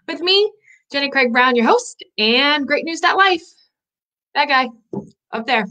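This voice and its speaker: A woman hosting a live good-news show, bubbly and enthusiastic, a little out of breath, rushing through her stories. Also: high-pitched, expressive, bright, forceful tone, muffled recording. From Northwest Indiana. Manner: bubbly, enthusiastic, talks in quick bursts. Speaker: host.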